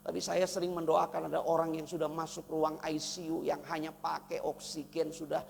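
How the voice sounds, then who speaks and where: A man from Indonesia preaching a sermon as pastor, swinging between loud emphatic lines and soft, intimate asides. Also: a little high, completely flat delivery, brisk, creaky, soft background music. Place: church hall. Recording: reverberant church hall, faint noise.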